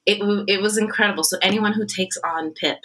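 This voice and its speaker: A woman's voice: mid-range voice, steady tone, fairly quick, bright, forceful tone, low-quality recording. A woman, a stage actress, chatting animatedly in an interview and often cutting herself off mid-sentence. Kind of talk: anecdotal interview storytelling.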